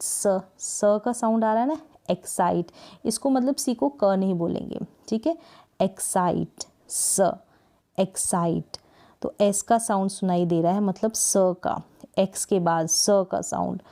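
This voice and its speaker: A woman from India teaching English spelling rules, patiently repeating words and stretching syllables slowly to show pronunciation. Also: mid-range voice, dark tone. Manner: slow, drawn-out syllable-by-syllable pronunciation drills; patient, repeats words often with "thik hai" checks. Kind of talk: explanatory lesson.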